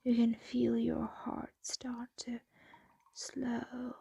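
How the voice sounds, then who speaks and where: In an ASMR roleplay, a woman plays a possessive, doting female dragon, soothing and teasing in a breathy, intimate whisper. Her fairly high voice is monotone and dark, with drawn-out words and a full character performance. The studio sound is clean, with no echo.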